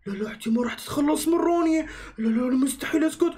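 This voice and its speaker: A woman voicing a young boy, the brave brother, in a Minecraft movie, fast and excitable. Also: high-pitched, natural voice. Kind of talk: Minecraft machinima voice acting.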